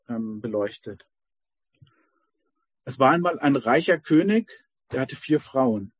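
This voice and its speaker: A man's voice: mid-range voice, husky, dry recording. A man leading a course who tells a parable in a hesitant way, with many fillers, on a dull, dry lo-fi recording. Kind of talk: spoken talk with a told parable.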